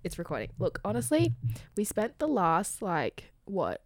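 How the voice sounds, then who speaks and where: A woman's voice: medium pitch, huge pitch swings, unhurried. A woman in her twenties with an Australian accent, co-hosting a podcast in casual, joking chat with many fillers. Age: 20s. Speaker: podcast co-host.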